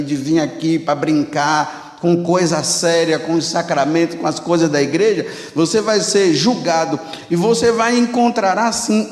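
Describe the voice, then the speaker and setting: A calm old priest, as a preacher puts him on, presses his questions slowly. The voice sits a little high and rings with long reverb. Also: lightly acted. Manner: patient repeated questioning, turning stern. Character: grave elderly male priest, calm and probing. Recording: echoey hall with long reverb.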